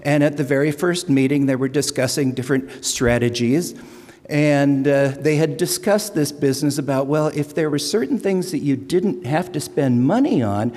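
A man's voice: fairly high pitch, darkish tone. An older man speaking to his congregation about the pledge drive, telling folksy stories with self-deprecating asides. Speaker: lay speaker for stewardship drive. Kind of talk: humorous church announcement with jokes. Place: church sanctuary. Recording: long church reverb.

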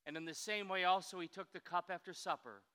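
A pastor leading communion in a church sanctuary, his voice trailing off into a long cathedral echo. He is a man with a slightly raised, bright and smooth tone. He speaks in a measured, reverent way with slow pauses. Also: high-pitched, fairly even intonation.

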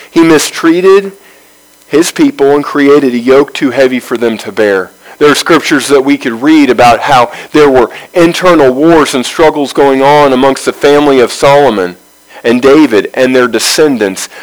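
Male Bible study teacher, mid-pitched, reads a verse then unpacks it, measured phrasing with pauses. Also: rough recording. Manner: reads scripture aloud, then explains it verse by verse.

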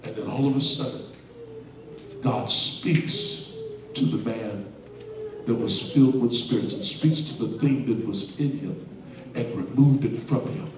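A man preaching a call-and-response sermon, shouting in a sing-song cadence with frequent "uh" pauses. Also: medium pitch, animated, crowd noise. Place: church sanctuary. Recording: very echoey church from far off. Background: responding congregation.

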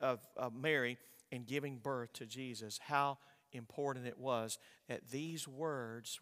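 A man's voice: medium pitch, fairly bright tone, in a large hall. A male pastor preaching a sermon, emphatic, repeating his words and asking his congregation rhetorical questions.

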